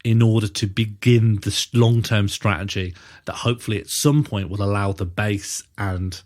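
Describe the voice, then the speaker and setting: A man's voice: fairly low pitch, fairly even intonation, normal speed, darkish tone. A man, co-hosting an improvised comedy podcast and thinking aloud with hesitant restarts. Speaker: podcast co-host playing prime minister.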